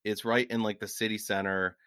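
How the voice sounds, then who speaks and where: A man's voice: fairly low pitch, little pitch movement, brisk, a bit bright, no echo, studio quality. A man co-hosting a podcast, telling rambling travel stories in casual chat and laughing at his own anecdotes. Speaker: podcast co-host.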